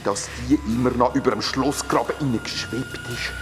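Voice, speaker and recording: A man with a natural, medium-pitched voice, fairly even in intonation and moderate in pace, voices a fantasy-world ruler in a Swiss German children's audio drama. Grateful to be freed from a spell, the character tells the story dramatically, against long reverb and background music.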